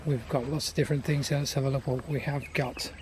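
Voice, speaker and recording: A man giving a casual, unscripted garden tour outdoors, listing things in an unhurried, appreciative way. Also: medium pitch, fairly even intonation, darkish tone. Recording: outdoor ambient noise.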